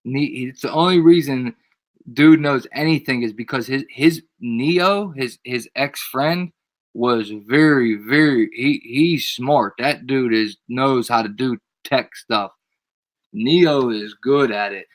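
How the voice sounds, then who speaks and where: A man's medium-pitched voice, recorded close with no room sound. He talks as a stream host in casual slang, often doubling up short phrases. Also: takes it slowly, dry recording. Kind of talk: casual chat.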